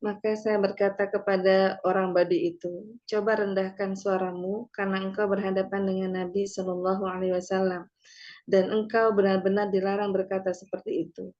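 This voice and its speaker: A woman's voice: mid-range voice, brisk. Woman reading aloud, slightly muffled. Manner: steady reading, brief replies to the teacher. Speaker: student reading the hadith text.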